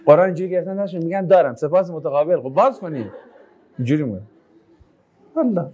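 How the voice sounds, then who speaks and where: A man teaching a Quranic lesson to a class, reciting Arabic verses and explaining them, his delivery swinging between quiet asides and raised exclamations. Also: a little high, animated, breathy edge, phone-quality sound. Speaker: religious teacher.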